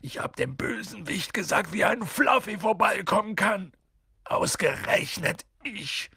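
Audiobook figure: huge, kind-hearted half-giant, read by a man, husky, wide-ranging delivery. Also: high-pitched, expressive, unhurried, no echo, clean studio sound, voice pushed up, heavily acted. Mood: sobbing remorse. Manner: sobbing, remorseful, then gentle and mumbled. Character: huge tearful half-giant groundskeeper, gruff and soft-hearted. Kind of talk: audiobook character voice.

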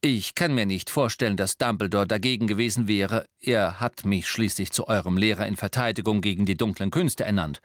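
A man's voice: lowish voice, a little fast, few pauses, dry recording, studio quality, lightly acted. A man reading an audiobook and voicing a weary, guarded middle-aged male werewolf teacher who talks in a tense, insistent way. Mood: earnest, insistent.

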